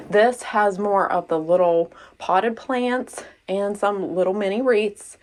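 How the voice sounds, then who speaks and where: Chatty woman giving a home tour. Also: lowish voice. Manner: chatty, relaxed, laughs at herself. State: a little out of breath. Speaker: home vlogger. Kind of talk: casual home tour narration.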